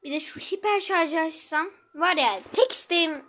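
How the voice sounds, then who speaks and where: A woman with a high, bright voice narrates her own gameplay, chatting to viewers and exclaiming at every turn. Her talk is loose and lively, with sharp bursts when the match gets tense. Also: normal speed. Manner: chatty, exclaiming, talks to viewers while playing. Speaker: gaming channel host. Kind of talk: live gameplay commentary.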